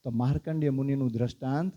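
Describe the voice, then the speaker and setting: A man's voice: medium pitch, fast talker, mellow, lo-fi sound. A man giving a devotional discourse, telling a story animatedly and asking his listeners questions. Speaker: spiritual teacher.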